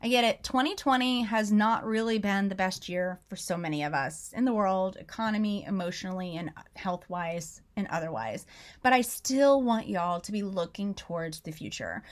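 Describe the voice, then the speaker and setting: A woman's voice: medium pitch, lively intonation, moderate pace. A woman from the United States hosting a business podcast, chatty and upbeat, with frequent laughter. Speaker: podcast host. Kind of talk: casual podcast chat.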